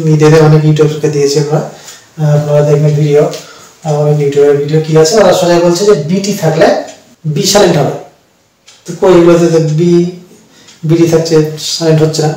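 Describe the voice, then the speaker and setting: A Bengali-accented man, an English teacher, gives an explanatory lesson in an echoey room, his voice a bit off mic and far from it. He speaks slowly, hesitating often and spelling out letters. His voice sits high with a darkish tone.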